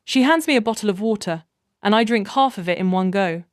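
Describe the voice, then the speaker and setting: A woman reading a scripted first-person story in a measured, even way. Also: medium pitch, no echo, clean studio sound.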